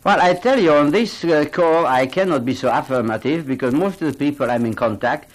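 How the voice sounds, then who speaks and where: Here an older man from Hungary, a gallery owner and art collector, is interviewed on the radio. His voice runs on the high side and fairly quick through a rough recording, and he speaks with earnest energy and non-native phrasing.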